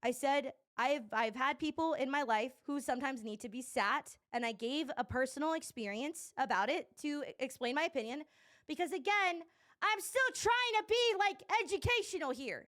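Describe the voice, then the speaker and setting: A woman's voice: high voice, animated, normal speed, a bit bright. A young woman streamer giving rambling, exasperated commentary on clips, swearing a lot. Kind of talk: casual commentary reacting to clips.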